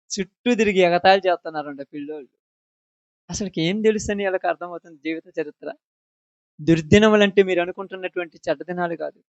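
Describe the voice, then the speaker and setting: A man's voice: sits high, fairly bright tone, no echo, highs cut off. A man preaching a sermon, asking the congregation question after question to drive home his points. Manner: emphatic, asks the congregation questions.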